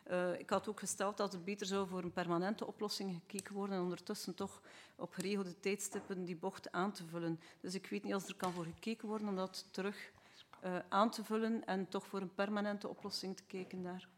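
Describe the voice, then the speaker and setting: A Flemish woman speaking as a council member, laying out local problems in earnest detail. Her voice is mid-pitched. She talks at a steady, even pace. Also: fairly quick, a little hiss or hum. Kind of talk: asking questions at a council meeting.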